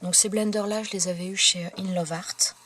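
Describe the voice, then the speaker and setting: A woman hosting a crafting tutorial, explaining each step in a casual, unhurried way while she works, often pausing to search for words. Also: medium pitch, fairly even intonation, fairly bright tone. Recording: clicking noises behind.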